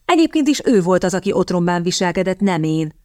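A woman reading the part of a quick-witted young woman hunting a rich husband, teasing and sharp-tongued. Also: lowish voice, very animated, no echo, studio quality. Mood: playful.

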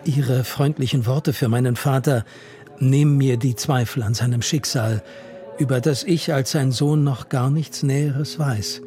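A man's voice: mid-range voice, steady tone, unhurried, lightly acted. A man reading the lines of a courteous, earnest young man just returned from abroad, over music. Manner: polite, warm and eager. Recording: music playing under the reading.

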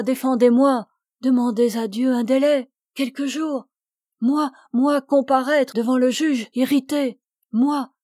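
Woman reads dying young man, anguished and pleading, slow and warm, dry close sound. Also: on the high side, no echo. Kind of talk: audiobook reading.

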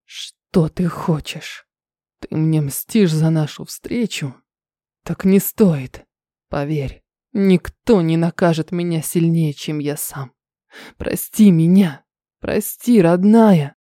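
Brooding shapeshifter man, voiced by a woman, low hushed intense voice, mellow tone, dry close sound. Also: unhurried, dry recording, close to an everyday voice. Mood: hushed pleading. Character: brooding male shapeshifter husband, snow leopard.

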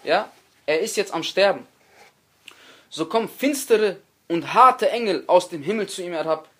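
Male lecturer, high voice, earnest sermon delivery, repeats lines for emphasis, speaks straight to the audience. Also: expressive, normal speed, a bit bright. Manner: earnest preaching with dramatic emphasis on quoted speech; repeats key phrases and addresses listeners directly. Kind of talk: religious lecture.

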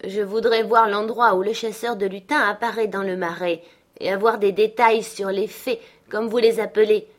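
A woman reader voicing a spoiled, haughty young girl who is quick to tears, speaking imperiously. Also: medium pitch, fairly even intonation, pitched above the performer's own voice, natural voice. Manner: imperious, indignant. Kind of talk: audiobook character voice.

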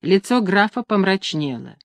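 A woman's voice: mid-range voice, very animated, normal speed, dry recording. Woman narrating a historical novel. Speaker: audiobook narrator. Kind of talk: scripted narration.

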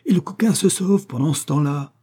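A man's voice: medium pitch, moderate pace, dark tone, breathy edge, close to an everyday voice. A man reading aloud, voicing a proud, poor young captain in an impassioned, declamatory way. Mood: urgent.

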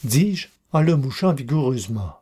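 A woman narrates a storybook with a low, husky voice. Her delivery is lively and full of inflection. The tone stays mellow and dark. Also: normal speed. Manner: expressive, acting out each speaker.

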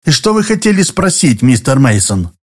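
In an audiobook, a man voices a middle-aged tenant who is falsely polite at first, then turns curt and wary. His medium-pitched voice swings widely in pitch at a moderate pace.

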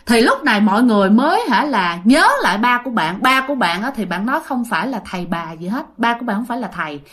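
A woman's voice: on the high side, expressive, fast, a bit bright. A woman with a Southern Vietnamese accent telling ghost stories in a chatty way, addressing her listeners directly. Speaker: ghost story narrator. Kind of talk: casual storytelling.

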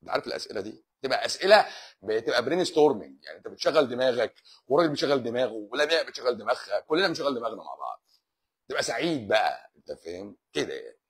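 A husky-voiced Egyptian man, a doctor on a live stream, rattles through viewer questions at a quick clip. He teases and mocks, and his pitch swings widely as he talks. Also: sing-song. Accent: Egyptian Arabic. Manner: joking, teasing and sarcastic. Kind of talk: casual live Q&A reading viewer comments.

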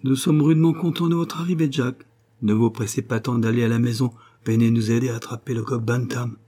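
A man reading aloud and voicing an excited, breathless young woman, the heroine of the story. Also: a little fast, close to an everyday voice. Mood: playful. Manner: high-pitched and breathless.

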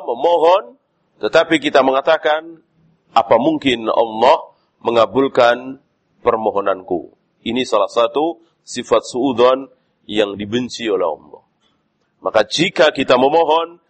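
Man, preacher, sermon, lively emphatic delivery, mid pitch. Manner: lively preaching with frequent "ya" and rising stresses. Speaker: Islamic preacher.

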